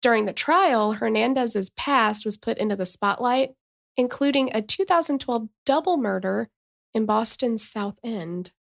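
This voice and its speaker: A woman's voice: fairly high pitch, measured pace, creaky. A woman in her thirties co-hosting a casual true-crime podcast, chatting and reading case notes with asides. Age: 30s. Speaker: podcast co-host.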